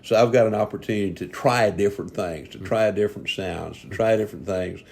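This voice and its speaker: A man's voice: lowish voice, brisk, gravelly, darkish tone. A man, a podcast host talking about hunting in a folksy, earnest, rambling way. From Texas. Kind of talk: casual podcast interview.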